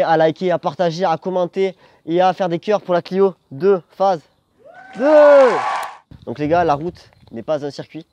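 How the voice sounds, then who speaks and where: A man's voice: medium pitch, lo-fi sound, noisy background. Slangy young man, theatrical. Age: young adult. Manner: jokey, theatrical, swearing freely. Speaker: vlogger telling a personal story. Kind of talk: casual slangy storytelling to camera.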